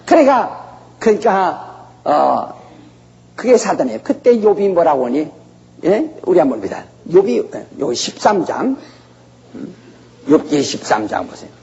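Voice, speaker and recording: A man's voice: fairly high pitch, sing-song, a little slow, gravelly, pauses often, a little mellow. A male pastor preaching a sermon, telling the story dramatically and acting out voices. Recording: echoey hall, dull lo-fi sound.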